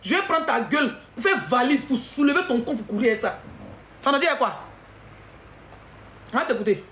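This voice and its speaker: Ivorian woman, very high, taunting shouted rant, echoey room. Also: animated, normal speed, a little hiss or hum. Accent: Ivorian French. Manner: taunting, mocking, often shouting. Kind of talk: heated insulting rant to camera.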